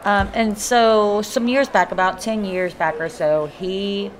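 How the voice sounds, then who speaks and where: A woman's voice: mid-range voice, steady tone, takes it slowly, slight background noise. A middle-aged woman with a Kentucky accent, a guest paranormal investigator chatting casually and rambling with lots of fillers and restarts. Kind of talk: casual live interview chat. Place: haunted hotel event. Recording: live event with crowd chatter behind. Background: crowd chatter.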